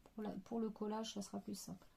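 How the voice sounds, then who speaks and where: A woman's voice: mid-range voice, flat delivery, a little fast, vocal fry, heavy background noise. A woman hosting a card-making tutorial, thinking aloud with many hesitations. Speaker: crafting tutorial host.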